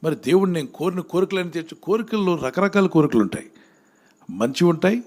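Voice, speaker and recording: Give me a man with a slightly high voice, preaching and asking the crowd to call out answers. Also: animated, brisk. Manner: asks the crowd questions and presses them to answer louder. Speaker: pastor. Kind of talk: sermon with call-and-response questions to the congregation.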